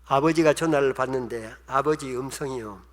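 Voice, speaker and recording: Korean pastor in a reverberant church. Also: male voice, medium pitch, normal speed. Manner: emotional, acts out quoted voices. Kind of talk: sermon storytelling. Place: church sanctuary. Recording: long hall reverb.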